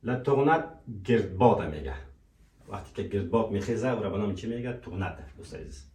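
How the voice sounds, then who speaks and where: Brief: male language teacher, slow repetitive drilling, lowish voice, distant mic in an echoey room. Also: lively intonation, dark tone. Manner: repeats each word slowly, asks and answers his own questions. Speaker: French teacher. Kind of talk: language lesson.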